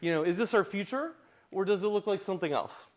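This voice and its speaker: A man's voice: high voice, lively intonation, fast talker. A man presenting a live demo in a tech lightning talk, with wry, self-deprecating humor. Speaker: tech conference speaker, open source project founder.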